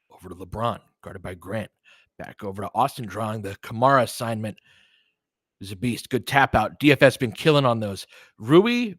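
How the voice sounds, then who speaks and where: This fairly low, slightly bright male voice comes through clean studio audio with no echo. A streamer and play-by-play commentator, he calls basketball live in a casual way, speaking in brief, clipped bursts and tossing in informal remarks the way a fan might.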